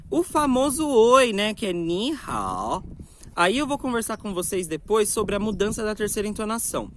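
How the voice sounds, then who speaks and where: A man teaching a Mandarin lesson, drawing out example words slowly between explanations. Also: sits high, a bit bright. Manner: slow, drawn-out demonstration of Mandarin tones between Portuguese explanations. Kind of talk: language lesson, reading vocabulary examples.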